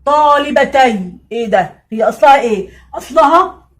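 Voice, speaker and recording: Lively Egyptian woman teaching grammar. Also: high-pitched, moderate pace. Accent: Egyptian Arabic. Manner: lively, repeats key points, answers imagined student questions. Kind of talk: casual classroom explanation.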